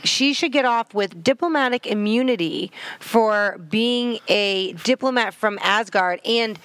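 A woman's voice: fairly high pitch, a little slow, a bit bright, clear, resonant tone, no echo. A woman co-hosting a podcast, retelling scenes in casual chat, swearing freely and acting out the characters' lines. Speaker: podcast co-host.

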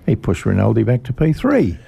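An Australian man hosting a radio motorsport show, reading out race news in a halting way and repeating the odd word. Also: medium pitch, huge pitch swings, creaky, mellow, breathy edge. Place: radio studio.

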